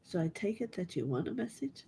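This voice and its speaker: A middle-aged woman giving a live online spiritual reading to her callers. She speaks softly and gently, often dropping into a breathy half-whisper. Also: lowish voice, sing-song, a little fast, background noise. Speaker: spiritual reader.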